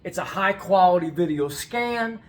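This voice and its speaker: High-pitched American man, enthusiastic video update. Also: animated, normal speed. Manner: enthusiastic, repeats himself. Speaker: video tape restorer and channel host. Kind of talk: casual rambling vlog update.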